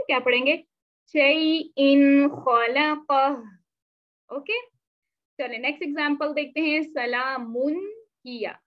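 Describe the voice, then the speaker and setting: Female recitation teacher, high-pitched, question-and-answer teaching style, dull low-fidelity recording. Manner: asks the class questions and answers them herself; mixes in English words. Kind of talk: online tajweed lesson.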